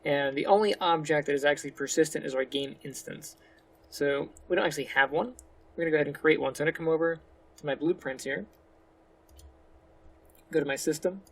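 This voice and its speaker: A man hosting a casual step-by-step game development tutorial, speaking relaxed and a little slurred, walking through each step on a desktop mic. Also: on the high side, a little fast, pauses often, breathy edge. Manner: relaxed, slightly slurred speech; talks through each step with fillers like "go ahead". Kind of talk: casual screen-recorded tutorial.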